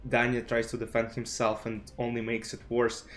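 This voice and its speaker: A man's voice: medium pitch, monotone, moderate pace, a bit bright. Man, rambling streaming chat. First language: Russian. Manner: rambling, full of "you know" and restarts. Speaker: chess streamer. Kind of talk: casual commentary vlog. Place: home streaming desk setup. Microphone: desk streaming mic with webcam.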